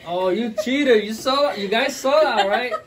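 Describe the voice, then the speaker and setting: A young man chatting casually as co-host of a home vlog, excitable and teasing. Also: extremely high pitch, moderate pace. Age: young adult. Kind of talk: casual playful chat. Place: indoor room at a table. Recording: faint room noise.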